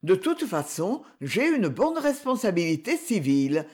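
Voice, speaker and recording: A reader voicing a gentle, determined woman in her seventies, speaking softly and coaxingly in a slightly raised voice. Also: mid-range voice, big pitch swings, unhurried, breathy edge. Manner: soft-spoken, coaxing.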